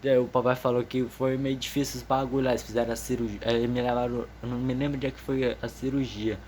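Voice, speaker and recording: A man's voice: mid-range voice, little pitch movement, fast talker, a little mellow. Nervous teen guy, rambly slangy storytelling, faint noise behind. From Amazonas, northern Brazil. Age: teenager, 15. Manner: slangy, rambling, many restarts. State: a bit nervous. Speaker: vlogger. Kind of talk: casual personal storytelling.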